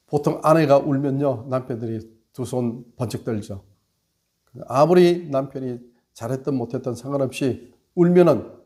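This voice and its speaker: A man delivers a sermon in a warm, mellow voice at a middle pitch. He talks earnestly, letting his voice swell on key words and sink almost to a murmur on others. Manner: earnest, swells and drops in loudness for emphasis. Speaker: pastor.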